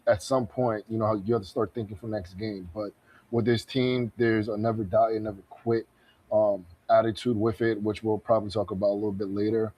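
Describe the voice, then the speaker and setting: A man co-hosting a sports talk show, chatting casually and excitedly with lots of fillers. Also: lowish voice, highs cut off. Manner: animated, laughs often, many fillers. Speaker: podcast co-host.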